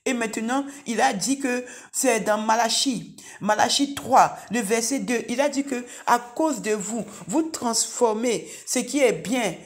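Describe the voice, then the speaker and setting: A woman's voice: a little high, measured pace. Woman recounting a vision, repeating phrases. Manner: animated storytelling, repeats phrases, addresses listeners as beloved. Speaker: prophetess giving testimony. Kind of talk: spoken testimony.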